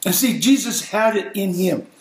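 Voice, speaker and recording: A man's voice: high voice, expressive, moderate pace, echoey room, poor audio. A middle-aged male pastor preaching an impassioned, emphatic sermon.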